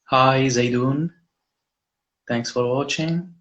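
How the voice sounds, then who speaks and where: Guy hosting a video call interview, slow and friendly, lots of uh's. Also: mid-range voice, fairly bright tone. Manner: friendly, hesitant with fillers. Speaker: interviewer, host of a live online class.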